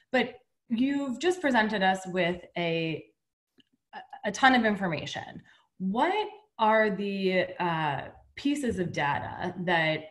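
A woman moderating a webinar Q&A over a video call from home, asking questions in a friendly, slightly halting way. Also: fairly low pitch. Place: home room.

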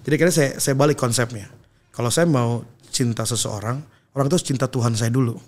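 A man's voice: medium pitch, quick pace, a little mellow. A young adult man, a pastor and guest, telling his story in an earnest, reflective way in casual conversation.

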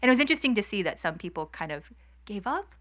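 Bright-voiced woman in a candid chat. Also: mid-range voice, very animated. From Hong Kong. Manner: candid, quick laughs, chatty. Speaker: guest investor. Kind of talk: fireside chat on stage. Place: outdoor courtyard event. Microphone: handheld mic.

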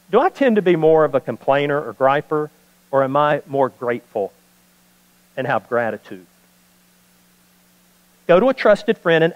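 A man's voice: a little high, in a large hall, dull audio. A man preaching a sermon as pastor, repeating key points for emphasis.

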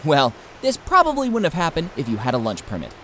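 A woman's voice: low-pitched, wildly swooping pitch, quick pace, background noise. A woman voicing a cocky, bossy male dachshund lifeguard in a scripted comic voice-over. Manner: bossy, self-satisfied. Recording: voice-over with loud music.

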